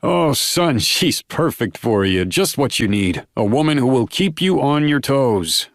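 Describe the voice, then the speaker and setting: A man's voice: on the low side, expressive, moderate pace, vocal fry, dry recording, clean studio sound, pitched above the performer's own voice. A man voicing a jovial, doting older werewolf pack leader in an audiobook, effusive and fond. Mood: delighted. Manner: warm, delighted, effusive. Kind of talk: audiobook character voice.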